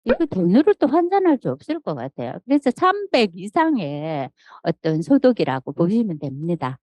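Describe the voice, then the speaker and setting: A woman's voice: mid-range voice, sing-song, normal speed, darkish tone. A middle-aged woman giving a motivational business talk to an audience, telling stories, acting out quoted lines and asking frequent rhetorical questions. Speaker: seminar speaker.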